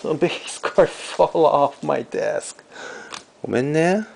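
Slow, lively-pitched man opening hockey cards. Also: vocal fry, breathy edge. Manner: mixes Japanese and English, reads out card names, chuckles often. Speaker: box break show host. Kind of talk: casual card-opening commentary.

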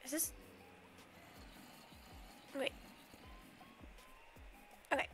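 Music plays in the background as a young woman streams a game from her bedroom, drawing out her words. She chats casually, hums silly nonsense sounds, and is a bit sniffly from a cold.

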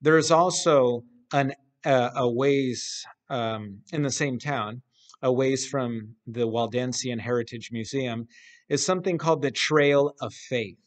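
A man in his forties preaches slowly and carefully, taking his time over each phrase. His voice sits in an ordinary middle pitch. He speaks close to the camera in an empty church sanctuary. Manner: slow, deliberate speaking with hand gestures. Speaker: pastor. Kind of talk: sermon. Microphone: camera close up at face level.

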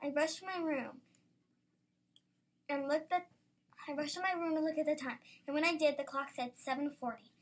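Schoolgirl storyteller, high voice, lively reader with excited outbursts. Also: moderate pace, pauses often. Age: child. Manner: lively, bursts into excited exclamations. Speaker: student storyteller. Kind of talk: reading her own story aloud.

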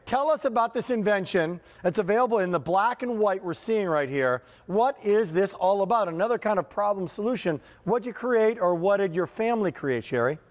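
A man's voice: high-pitched, animated, a little fast, hardly any pauses, long reverb tail. An American man hosting live home shopping, selling in an enthusiastic, folksy patter. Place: home shopping television studio with kitchen set.

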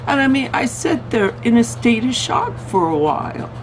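A woman vlogger chatting in a rambling, digressive way, her voice going hoarse as she loses it. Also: on the high side, animated, moderate pace, over music, low-quality recording. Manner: chatty, digressive, self-interrupting. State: losing her voice. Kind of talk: casual rambling vlog chat.

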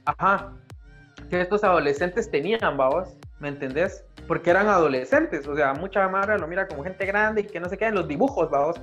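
A man's voice: high-pitched, brisk, muffled recording, over music. Joking slangy Central American man. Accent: Central American Spanish. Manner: joking, slangy, laughs often. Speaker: podcast co-host. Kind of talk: casual chat.

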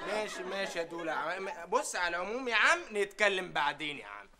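For a sitcom, a male actor plays a lazy young bazaar assistant who grumbles and whines his comebacks in a mumbling way with an Egyptian Arabic accent. His voice sits high, very animated and fast, with a crowd audible behind him.

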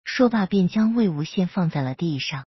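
A woman storyteller narrating serialized fan fiction, with a husky voice. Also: fairly low pitch, lively intonation, normal speed, no room sound, lo-fi sound.

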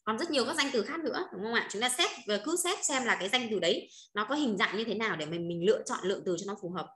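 Quick, bright-voiced woman teaching Chinese. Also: a little high, lively intonation, echoey room. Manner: repeats points, checks often with rhetorical questions. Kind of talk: online vocabulary lesson.

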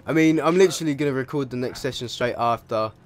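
A man talks through his video game session in loose, running let's play commentary, cursing freely and breaking into sudden excited yelps. His voice sits at an ordinary middle pitch. A faint hiss of background noise runs under the home microphone recording. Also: fast talker. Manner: chatty, swears a lot, sudden excited yelps. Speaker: gaming video creator. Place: home room.

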